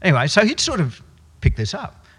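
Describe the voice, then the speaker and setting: A male pastor delivering a sermon with a lively, swinging delivery, drifting into anecdotes and then slowing down, dropping his voice for emphasis. His voice sits a bit high for a man, and it rings out in a large church hall with a long echo. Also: husky. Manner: storytelling, swings from loud to hushed for emphasis. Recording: echoey hall with long reverb.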